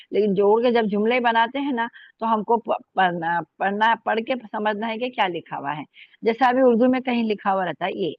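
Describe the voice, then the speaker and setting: Her voice is on the high side, captured in a dry, dull recording. Teaching Urdu online, she patiently works through letters and syllables, repeatedly asking "ठीक है" and "है ना" as she checks in with students.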